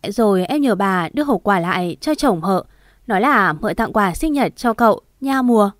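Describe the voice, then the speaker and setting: A woman's voice: mid-range voice, animated, moderate pace, no room sound, close to an everyday voice. Crying ghost of a young mom, choked up and begging, as a lady reading a story does her, dry close sound. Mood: tearful. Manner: choked, sobbing delivery. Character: grieving young woman's spirit, tearful, pleading.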